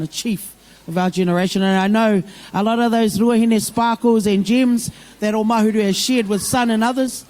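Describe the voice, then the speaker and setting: A middle-aged woman with a broad New Zealand accent and a medium-pitched, darkish voice speaks off the cuff to a community gathering. Plain-spoken and motherly, she calls listeners by endearments and mixes Māori phrases into her English.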